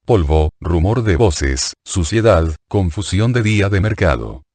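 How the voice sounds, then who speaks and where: A man narrating religious prose as an audiobook in a measured, solemn way, recorded on a close mic. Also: deep voice, animated, a little mellow, no echo.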